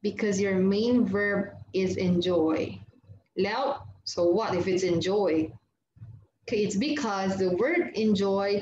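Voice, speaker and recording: A woman's voice: medium pitch, a little mellow. A woman teaching English grammar online in a Thai accent, mixing Thai and English and reading out word lists, asking and answering her own questions. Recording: roomy, dull lo-fi sound with faint noise.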